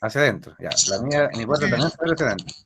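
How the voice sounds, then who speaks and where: A man's voice: mid-range voice, lively intonation, very fast, creaky, fairly bright tone, a little hiss or hum. Chilean man teaching a language lesson. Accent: Chilean Spanish. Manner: questioning a student, patient and explanatory. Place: online class session.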